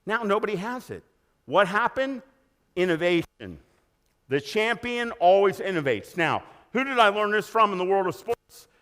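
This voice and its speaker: A man in his sixties giving an energetic motivational keynote in a large conference hall, asking the audience questions. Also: high-pitched, moderate pace. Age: 60s. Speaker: keynote speaker.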